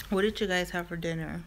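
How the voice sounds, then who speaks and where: Slow, laid-back woman, sassy. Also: fairly low pitch, fairly bright tone, slight background noise. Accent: Mid-Atlantic US. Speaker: mukbang host. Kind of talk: casual mukbang chat.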